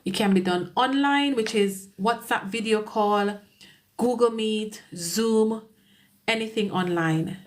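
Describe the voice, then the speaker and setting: A woman's voice: mid-range voice, takes it slowly. Chatty Caribbean woman on a live stream. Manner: chatty, laughs often, greets viewers by name. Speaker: immigration solicitor hosting a live Q&A. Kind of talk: casual live-stream chat.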